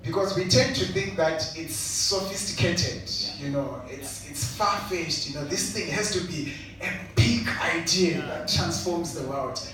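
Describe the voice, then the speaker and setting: This Zimbabwean panelist, discussing entrepreneurship, sounds a little high and a little slow, with a crowd audible around him. Earnest and reflective, he keeps dropping in "you know," and the far-off recording of the echoey hall is noisy.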